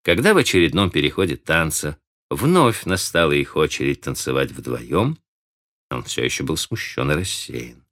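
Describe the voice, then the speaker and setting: A man with a very low, deep voice narrates a novel in a measured reading. His intonation is lively and rises and falls widely as the story moves along, and the delivery is expressive throughout. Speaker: audiobook narrator.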